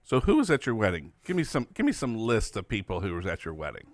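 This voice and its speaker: A man's voice: lowish voice, huge pitch swings, quick pace, dry recording. A man hosting a podcast, chatting casually and asking his guest questions with frequent encouraging backchannels. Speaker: podcast host. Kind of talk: casual chat.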